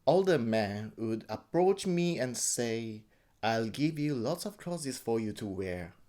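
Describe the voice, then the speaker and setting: A man from Japan with a Japanese accent gives a personal account in halting English, often repeating and correcting words. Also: medium pitch, expressive, a little mellow. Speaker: interviewee.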